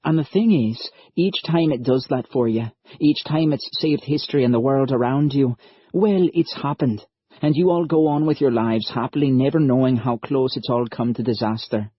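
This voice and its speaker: A husky-voiced man voicing an earnest young male time-traveller who talks in a lively, folksy way. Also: mid-range voice, normal speed, no echo, pitched above the performer's own voice, lightly acted. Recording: dull lo-fi audiobook recording.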